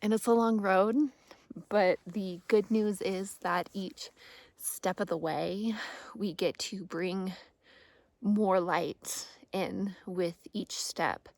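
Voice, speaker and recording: A woman giving a calm, earnest grounding meditation talk as a guide, speaking deliberately with pauses and repeated phrases. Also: medium pitch, gravelly, no echo. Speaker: meditation guide and practice host.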